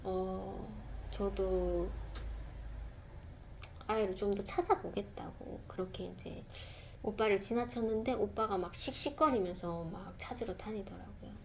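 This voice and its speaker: A woman sharing a personal testimony in a casual, reflective way, speaking softly with pauses and fillers. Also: medium pitch, steady tone, gravelly, slight background noise.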